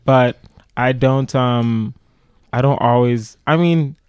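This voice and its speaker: A man from Nigeria chatting casually as a podcast co-host, animated and laughing often as he talks over the others. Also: medium pitch, slow, clear, resonant tone, dry recording. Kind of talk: casual chat.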